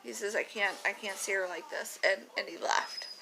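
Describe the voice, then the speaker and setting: Bright-voiced young woman, chatty and frank. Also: mid-range voice, normal speed, gravelly, slight background noise, rough recording. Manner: chatty, rambling, frank, swears freely. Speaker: vlogger telling her birth story. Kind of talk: casual storytelling to camera. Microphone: phone camera.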